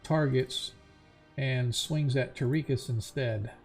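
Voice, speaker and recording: A man's voice: mid-range voice, slow, soft background music. A man casually running an online tabletop roleplaying game as its game master.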